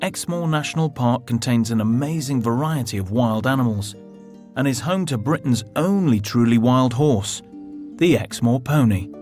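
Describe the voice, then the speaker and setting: A man's voice: medium pitch, lively intonation, moderate pace, a little mellow. Male nature documentary narrator over music.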